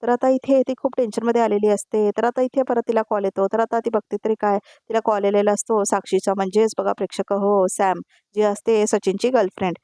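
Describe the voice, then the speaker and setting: A woman's voice: medium pitch, flat delivery, brisk, warm tone, no echo, studio quality. A woman with a Marathi accent narrating a voice-over recap of a TV serial, talking to viewers. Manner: addresses viewers, quotes dialogue in turn.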